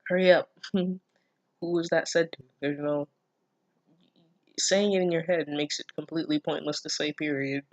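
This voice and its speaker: Reading fan fiction and mocking it casually, this woman is sardonic, exasperated and quick to swear, tripping over her words, stammering and breaking into laughs. She has a deep, steady voice, speaks a little slowly with frequent pauses, and the recording is dry.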